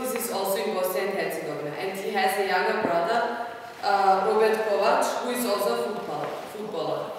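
A woman's voice: mid-range voice, recorded from a distance, slight background noise. Young woman hesitantly reading, echoey hall. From Vienna, Austria. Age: young adult. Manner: hesitant, many fillers. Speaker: student presenter. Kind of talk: reading a school presentation. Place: wood-panelled hall, indoors. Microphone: far camera.

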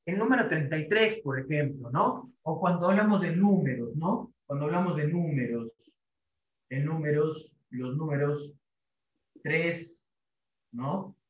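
Male teacher, slightly high voice, lecturing a class; repeats himself, rhetorical tags, lots of fillers; roomy, muffled lo-fi recording. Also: animated, measured pace. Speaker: literature teacher. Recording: echoey classroom, dull lo-fi sound.

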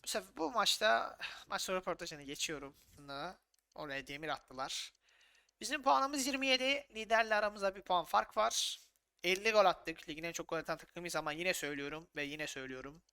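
A man narrates his football video game session and calls the match himself. His voice is bright and clean. He is excitable and swears freely, scolding his players and then announcing goals like a match commentator. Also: high-pitched, fairly quick, clean tone. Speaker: gaming YouTuber. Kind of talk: casual gameplay commentary.

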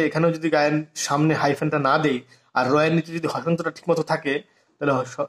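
A man teaching a harmonium lesson on reading notation, explaining step by step and stopping to sing short phrases and count out beats. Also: fairly high pitch. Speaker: music teacher.

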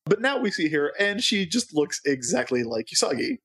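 Male podcast co-host, husky tone, chatty and digressive. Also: on the high side, very animated, moderate pace, fairly bright tone. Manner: chatty, digressive, laughs often. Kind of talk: casual chat.

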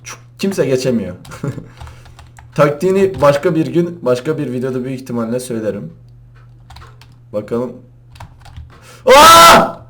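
A young man doing casual gaming commentary, excitable, often laughing and shouting as he plays. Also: mid-range voice, moderate pace, pauses often, background noise. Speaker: gaming YouTuber. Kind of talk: casual Minecraft parkour commentary.

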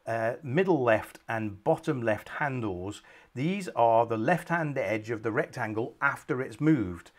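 A middle-aged man with a mid-range voice walks through a screen-recorded software tutorial from his small home office. He stays calm, explains each step in turn, and says "um" a lot.

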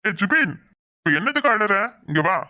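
A man's voice: high-pitched, big pitch swings, normal speed, pushed and bright, exaggerated voice. A man voicing a bossy, teasing young village man, with a Kanyakumari Tamil accent.

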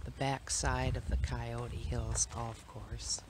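A woman's voice: very deep voice, little pitch movement, slow pace. A woman, chatting casually as she films a hiking trail and points out views. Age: 60s. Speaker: hiking vlogger. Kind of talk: casual narration while hiking. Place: outdoor hillside trail. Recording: loud wind and outdoor noise.

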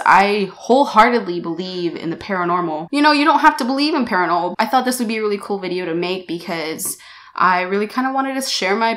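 In a small room, a young American vlogger in her twenties chats her way through a rambling story to camera, often stopping to correct herself. Her mid-range voice has a fairly bright tone, captured by a camera-mounted shotgun mic.

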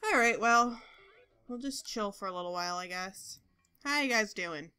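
Playing a life-sim game, this young female gaming host keeps up casual commentary for her audience, urging the on-screen characters along and erupting into excitable moments. Her voice is bright, clear and mid-range, and her pace is moderate.

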